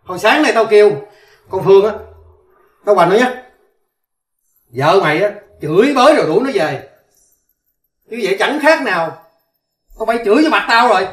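A man's voice: high voice, sing-song, normal speed, pauses often. An actor playing an angry, domineering older rural father-in-law with a Southern Vietnamese accent, scolding and commanding. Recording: roomy, distant mic.

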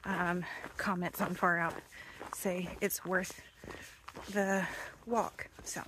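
This thru-hiker vlogger talks slowly in a low voice with little pitch variation, puffing at times as she climbs a wooded mountain trail. The young woman speaks casually into an arm's-length phone, and background noise is heavy around her.

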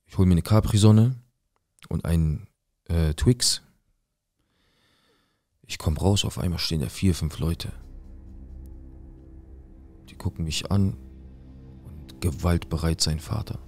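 Young man, very deep voice, slangy personal storytelling, dry close sound, soft music underneath. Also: dry recording. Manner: colloquial street slang, vivid retelling with quoted dialogue. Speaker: guest telling his life story.

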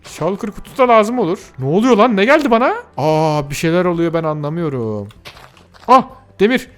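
A man giving excited let's-play commentary, gasping and exclaiming as he talks to his viewers and himself. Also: high-pitched, a little fast, soft background music. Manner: excitable, gasps and shouts at surprises. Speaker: gaming youtuber.

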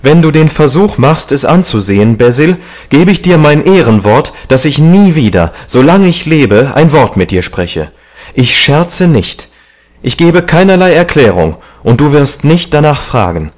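A man's voice: fairly low pitch, lively intonation, a little slow, warm tone. A man reading an audiobook, voicing a vain, agitated young man who talks in a heated, raised voice. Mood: furious.

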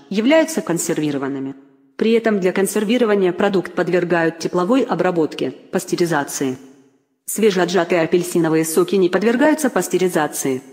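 A robotic text-to-speech voice of a woman, pitched a little low, reads an encyclopedia entry in a stiff, mechanical way. Abbreviations come out letter by letter, and a long reverb tail hangs behind every phrase. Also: darkish tone. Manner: stilted machine reading, spells out abbreviations letter by letter. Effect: synthetic text-to-speech voice. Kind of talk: reading an encyclopedia article aloud.

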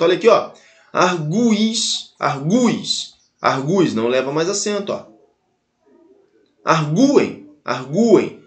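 The audio echoes as though from a bare room while a Brazilian man leads a Portuguese grammar lesson. His voice is fairly high with a Brazilian Portuguese accent, and he's animated, speaking directly to students and slowly repeating and spelling out each example.

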